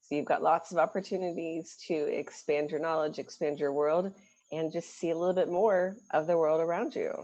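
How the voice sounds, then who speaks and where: An American woman who works as an international admissions representative presents a webinar, her voice sitting low with a steady tone at a moderate pace. She sounds warm and encouraging, saying "um" frequently, and the audio's high frequencies are cut off.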